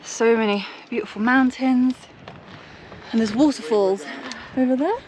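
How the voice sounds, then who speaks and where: A woman's voice: a little high, unhurried, darkish tone. A young woman vlogging to a handheld camera on a mountain trail, tired and short of breath, chatty and encouraging herself along. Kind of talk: casual vlog talk to camera while hiking.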